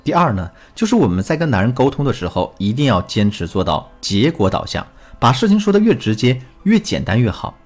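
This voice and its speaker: A man as a relationship coach, giving a recorded lesson in an animated storytelling way. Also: mid-range voice, a little fast, hardly any pauses, breathy edge.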